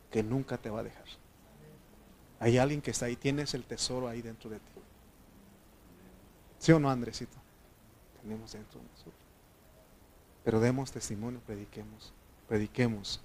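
A man's voice: medium pitch, darkish tone, slight background noise. Man preaching a conversational sermon. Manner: conversational preaching, asks the congregation questions. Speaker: pastor.

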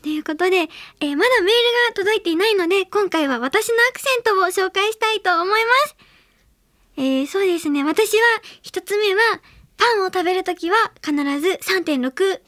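A young woman from Hiroshima hosts her own radio segment in a strikingly high, light voice. She chats earnestly with lots of little fillers. Her voice sounds close and dry, with no room around it. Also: fairly quick, fairly bright tone, dry recording. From Hiroshima, Japan. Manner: chatty and earnest, many small fillers. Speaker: radio show host. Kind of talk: solo radio segment talk.

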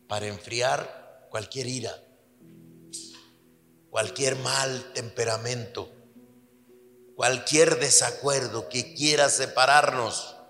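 Male pastor, slow earnest sermon delivery, bright tone; reverberant church hall, soft music bed. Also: vocal fry. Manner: earnest, drops low for emphasis, then lively storytelling.

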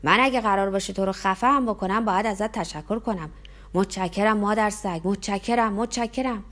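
A woman's voice: mid-range voice, fairly bright tone, lightly acted. A woman voicing a drunk, hulking American sea captain who bellows crude thanks. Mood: bellowing.

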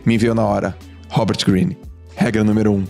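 A man's voice: on the low side, little pitch movement, fairly quick, vocal fry, a little mellow, faint music behind. A Brazilian man with a Brazilian Portuguese accent, a podcast guest telling stories in casual chat and acting out the dialogue. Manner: storyteller who acts out quoted dialogue.

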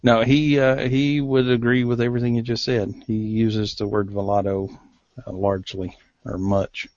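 A man's voice: medium pitch, little pitch movement, moderate pace, darkish tone, no room sound, lo-fi sound. A man with an Appalachian hillbilly accent, chatting casually as co-host of a podcast. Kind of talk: casual cigar talk.

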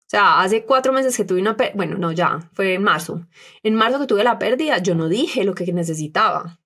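A woman's voice: medium pitch, normal speed. A young woman, co-hosting a podcast and speaking candidly about personal matters, often acting out what others said. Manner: earnest, animated quoting of others. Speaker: podcast co-host.

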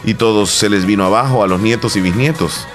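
A man's voice: lowish voice, fairly quick. Male co-host, Salvadoran accent, emphatic storyteller, faint music bed. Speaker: podcast co-host. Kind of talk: casual chat.

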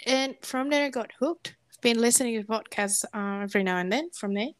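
A woman's voice: fairly high pitch, a little fast, dry recording. A woman in her early thirties, from Indonesia, co-hosting a casual podcast and telling stories in an easygoing, chatty way. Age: early 30s. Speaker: podcast co-host.

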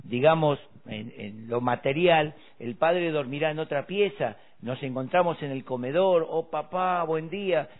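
A man's voice: mid-range voice, moderate pace, few pauses. A man on a faith radio show, quoting scripture firmly and correcting his co-host. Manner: quotes scripture, firm and corrective. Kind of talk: casual devotional radio chat. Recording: tinny phone-like radio audio.

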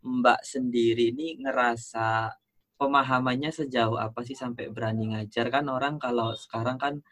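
A man's voice: medium pitch, moderate pace. A man from Surabaya interviewing a guest casually, nodding along with frequent agreement. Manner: frequent backchannel agreement, relaxed questions.

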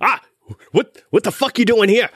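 A man voicing a gruff, harried male blacksmith foreman who barks orders and swears impatiently. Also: on the high side, very slow, pitched above the performer's own voice, exaggerated voice. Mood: impatient, yelling.

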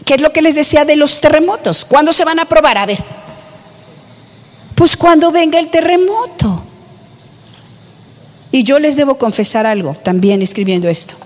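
A woman's voice: high-pitched, lively intonation, moderate pace, pauses often. Woman preaching in a reverberant hall. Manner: emphatic, rhetorical questions to the congregation. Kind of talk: sermon.

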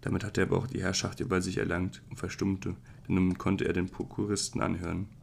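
Deep, gravelly male storyteller. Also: a little hiss or hum. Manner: measured, even reading with occasional slips. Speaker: audiobook narrator. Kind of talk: calm literary audiobook narration.

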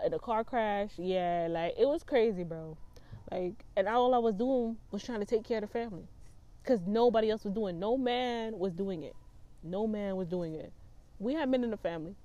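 A woman's voice: medium pitch, mellow. A woman in her twenties telling a personal story in a vlog, talking in a blunt, profane and emphatic way. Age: 20s. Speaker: vlogger.

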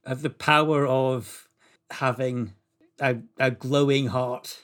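A man co-hosting a comedy chat, delivering prepared, absurd facts in a deadpan, even manner. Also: mid-range voice, slow. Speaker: co-host presenting the topic.

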